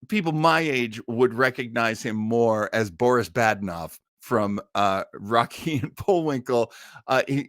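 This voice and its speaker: A middle-aged or older man hosts a live online listening party, casually and enthusiastically introducing a radio cast like a devoted fan. His medium-pitched voice is a bit bright, recorded with clean studio sound and no echo.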